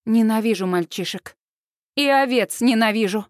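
Lively woman reading an audiobook. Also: a little high, normal speed, no echo, studio quality. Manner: lively first-person narration. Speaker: audiobook narrator.

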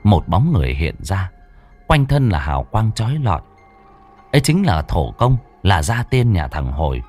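Guy telling a ghost story, low voice, swoopy lively delivery, dry close sound. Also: faint music behind. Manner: dramatic, drawn-out slowdowns. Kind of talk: scripted ghost-story narration.

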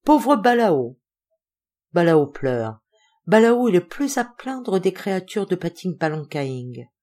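A woman's voice: on the low side, big pitch swings, slow pace, a little mellow. A woman voicing a heartbroken ape-man. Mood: mournful. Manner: sad, tender and plaintive. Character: sorrowful lovesick male ape-man. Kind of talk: audiobook reading.

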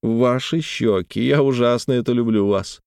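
A man reading the part of a playful, talkative young nobleman in love, with a raised, animated and teasing delivery. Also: medium pitch, moderate pace, vocal fry, clean tone, no echo, studio quality, close to an everyday voice. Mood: playful, ardent.

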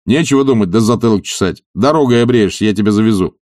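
Man playing a brisk, commanding friend. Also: lowish voice, a little mellow, no echo, studio quality, natural voice. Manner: brisk, decisive.

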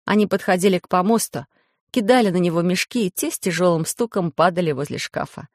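A man narrating an audiobook in steady storytelling, acting out the voices. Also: sits high, fast talker, dry recording, clean studio sound. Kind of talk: scripted narration.

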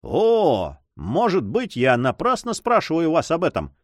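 A gruff, blustering buccaneer in his forties, as a male narrator puts him on, rough-voiced and impatient. His delivery swings widely in pitch and sits fairly high for a man. The sound is dry and close. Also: huge pitch swings, unhurried, dry recording. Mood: hesitant.

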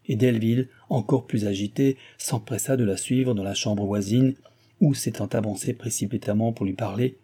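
A man narrating a classic novel as an audiobook in a measured, even reading. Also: on the low side, slightly rough. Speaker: audiobook reader.

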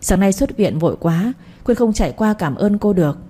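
A courteous, grateful woman caller, read by a woman storyteller. She speaks in a friendly, mellow tone. It is an audio story reading. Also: medium pitch, animated, moderate pace, breathy edge.

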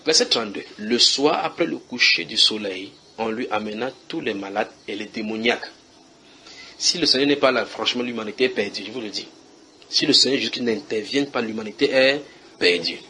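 A man's voice: on the low side, a little fast, bright, forceful tone, a little hiss or hum. A man preaching at a house church, reading Bible verses and questioning his listeners in a conversational way.

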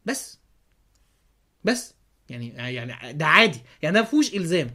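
A man's voice: a little high, very animated, brisk, pushed and bright. A man with an Egyptian Arabic accent hosting a podcast, giving a religious commentary monologue full of sarcastic rhetorical questions. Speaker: podcast host.

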